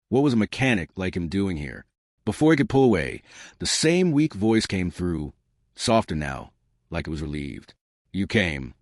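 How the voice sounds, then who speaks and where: A man's voice: lowish voice, no room sound, clean studio sound. A man narrating an emotional story for his channel in a dramatic, emotive storytelling manner.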